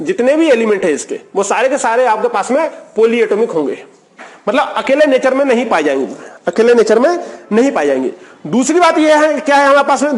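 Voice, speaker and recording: A man with a high voice teaches a recorded chemistry lecture. He poses questions to the class and answers them himself. He repeats key terms over and over as he explains.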